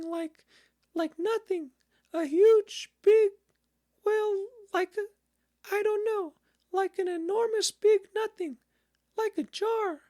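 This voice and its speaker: A man voicing a small, timid male piglet who squeaks and stammers in panic. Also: a little mellow. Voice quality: squeaky, breathless.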